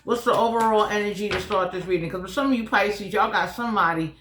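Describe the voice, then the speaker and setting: A woman's voice: medium pitch, quick pace, background noise. A woman hosting a casual, blunt tarot reading in colloquial speech, talking with whitening trays in her mouth. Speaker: tarot reader and channel host. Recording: echoey, roomy sound.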